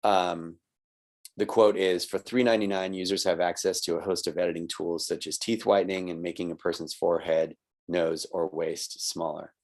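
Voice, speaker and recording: A man's voice: sits low, flat delivery, moderate pace, a little mellow. A man teaching a recorded online college writing lesson, explaining patiently and checking in with "right?" and "okay?". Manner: explanatory, patient, with little laughs.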